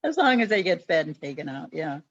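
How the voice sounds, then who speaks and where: A woman's voice: low voice, big pitch swings, a little fast, lo-fi sound. A woman hosting an interview, asking short questions and reacting with brief words and laughs. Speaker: interview host. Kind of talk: casual interview chat.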